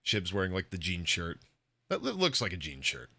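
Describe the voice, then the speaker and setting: A man co-casting an esports stream in casual chat, joking and telling animated stories. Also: low voice, moderate pace, no room sound.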